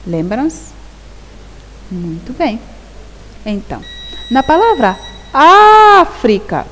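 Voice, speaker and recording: Slow, lively-voiced woman teacher in a reverberant room. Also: mid-range voice. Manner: slow, deliberate, repeats key words and asks "Perceberam?". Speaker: primary school teacher. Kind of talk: classroom grammar lesson. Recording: long reverb with faint hiss.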